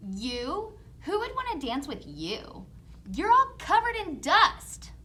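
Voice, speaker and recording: A woman's voice: very high-pitched, wildly swooping pitch, slow pace, sharp tone, voice pushed up, heavily acted. A woman voicing a mean, mocking young stepsister in a fairy tale storybook. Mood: sneering.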